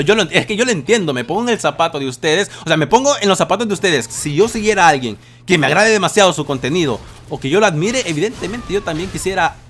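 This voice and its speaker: A man's voice: a little high, fairly bright tone, a little hiss or hum. A young man in his twenties answering viewer questions in a casual vlog from his bedroom, swearing often and breaking into dramatic outbursts. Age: 20s. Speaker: youtuber.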